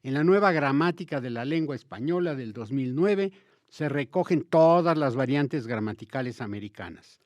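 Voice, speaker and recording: A Mexican man with a Mexican Spanish accent, hosting a talk about language and explaining grammar in a lively, emphatic way, speaking straight to his listeners. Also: mid-range voice, normal speed, dry recording, highs cut off. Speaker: host of a language talk show.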